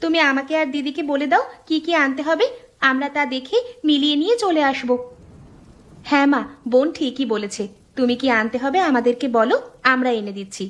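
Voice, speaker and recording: A woman's voice: high-pitched, fairly quick, natural voice. A woman voicing a dutiful young village daughter in a cartoon, eager and obliging. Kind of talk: cartoon voice acting. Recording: cartoon soundtrack with loud music.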